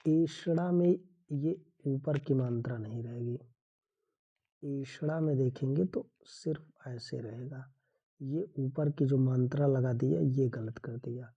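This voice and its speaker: Slow gravelly man teaching grammar. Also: medium pitch, highs cut off. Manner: slow, explanatory, walking through answers one by one. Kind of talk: exam-prep Hindi grammar lesson.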